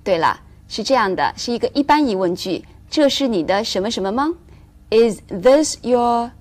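A woman with a slightly high voice gives a recorded English lesson to Chinese learners. She explains in a clear, measured way and slows down to model the English phrases. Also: animated. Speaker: English teacher.

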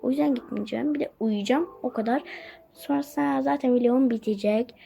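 A young woman with a fairly high, brisk voice chats through a game role-play vlog, her tone mellow with some vocal fry and a faint hiss or hum in the audio. She rambles, repeats herself, and tosses chatty asides to viewers. She mentions being sick and coughing, and her voice sounds bad.

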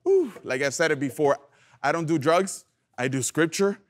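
A young man preaching a youth sermon, lively and playful, calling on the audience to answer back. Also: on the high side, normal speed. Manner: animated, playful, calls for audience response. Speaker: youth pastor.

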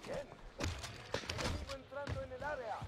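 A man voicing an official military announcer in a shooter game, giving crisp, formal callouts. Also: extremely high pitch, fairly even intonation, normal speed, loud music behind the voice. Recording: game audio under loud gunfire.

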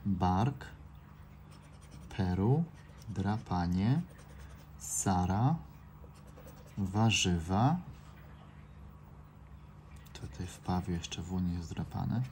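A man calmly reading out letters and words one by one as he scratches off lottery cards, indoors by an open window. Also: deep voice, very slow, long pauses. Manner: reads out letters and words one by one in a calm, steady drone. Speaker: scratch-card vlogger. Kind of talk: casual scratch-off commentary. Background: faint noise through an open window.

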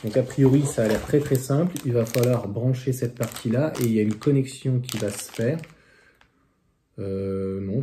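A man's voice: mid-range voice, noisy background. A man reviewing car accessories in a casual, chatty way, with many fillers and restarts. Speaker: electric car vlogger.

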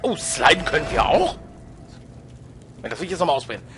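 A man's voice: on the high side, big pitch swings, a little fast, a bit bright, soft background music. A man commentating a video game as he plays, muttering to himself and shrieking when startled. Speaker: let's play gamer.

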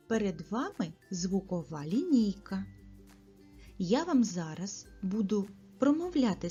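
A woman teacher giving a speech lesson to small children, saying each word slowly and carefully and pausing for their answers. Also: mid-range voice, darkish tone, husky, lo-fi sound. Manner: slow, carefully articulated, pauses for children's answers. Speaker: preschool teacher.

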